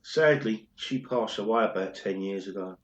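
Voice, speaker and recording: In an amateur radio play, a man voices an older former pop drummer full of regret who confesses a long-held secret. He speaks at normal speed in a fairly low voice with light acting, recorded alone indoors at home, and the roomy recording sounds muffled.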